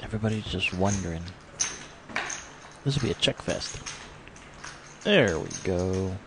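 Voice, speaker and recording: A man's voice: low-pitched, lively intonation, unhurried. A man calling a live poker game as commentator, joking and trading banter with his co-host. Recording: noisy live stream.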